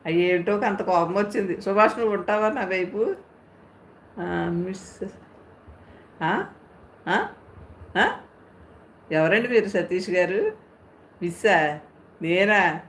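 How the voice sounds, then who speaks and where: A woman's voice: mid-range voice, lively intonation, slow, long pauses. A woman hosting a live stream, chatting casually and teasing viewers as she reads their comments aloud. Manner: playful, teasing, talks straight to viewers. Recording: echoey room, faint background hum.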